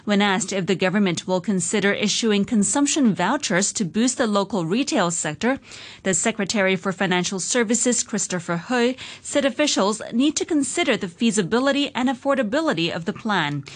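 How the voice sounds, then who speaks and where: Running through the headlines like a seasoned anchor, a woman reads scripted radio news. Her pitch is in the middle for a woman, and her delivery is even, measured and steady.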